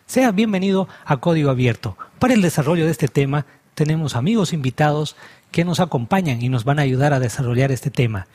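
Husky-voiced male host of a religious program. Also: fairly high pitch, lively intonation, fairly quick, darkish tone. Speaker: host, pastor. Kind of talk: religious TV talk show.

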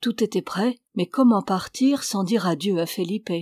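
A woman reading a novel aloud as an audiobook in a measured, even storytelling manner. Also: mid-range voice, no room sound, clean studio sound. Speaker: audiobook reader.

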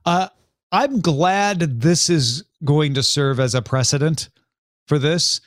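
Male podcast host, wry and brisk, slightly high voice, dry close sound. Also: dry recording. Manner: brisk, wry, reads news items. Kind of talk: casual chat.

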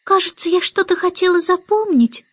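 A woman reading an audiobook and voicing a sleepy, petulant baby girl in a high, childish voice. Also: steady tone, moderate pace, no room sound, highs cut off. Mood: whiny.

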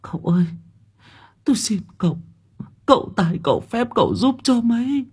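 A man's voice: very high-pitched, very animated, moderate pace, slightly rough, voice pushed up, full character voice. A man doing a pleading grieving mother. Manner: wailing, pleading.

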